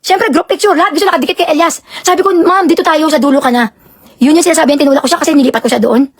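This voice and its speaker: A woman from Canada on a live stream at home, ranting indignantly in rapid bursts and firing off rhetorical questions. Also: sits high. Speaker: live-stream host and promoter. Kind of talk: heated live-stream rant. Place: home with barking dogs nearby.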